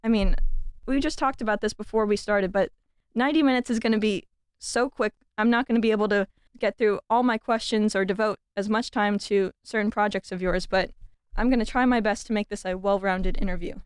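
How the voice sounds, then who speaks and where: A woman's voice: mid-range voice, steady tone, fairly quick, smooth, no echo, clean studio sound. A woman hosting a film podcast, introducing and interviewing a guest with enthusiasm. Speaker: podcast host.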